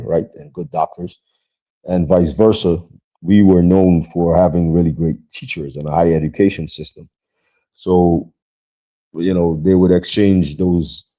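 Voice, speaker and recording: A man from Guyana hosts a solo podcast in a loose, conversational ramble. His voice sits very low and sounds warm and relaxed. He fills his talk with "um", "you know" and "right?" as he checks in with his viewers. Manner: rambling, conversational, frequent fillers and asides to viewers. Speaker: podcast host. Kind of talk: casual solo podcast monologue.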